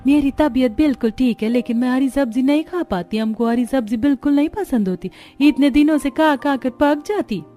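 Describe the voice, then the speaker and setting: A woman voicing a timid young daughter-in-law in a cartoon, speaking softly with put-on southern slips. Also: high-pitched, moderate pace, hardly any pauses, faint music behind, voice pushed up, close to an everyday voice. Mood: plaintive.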